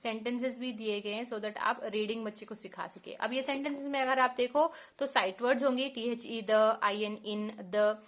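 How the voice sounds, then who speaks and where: A woman's voice: fairly high pitch, steady tone, moderate pace, few pauses. A woman in her thirties with an Indian accent, walking parents through a children's phonics book and spelling out letter sounds patiently. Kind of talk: teaching walkthrough.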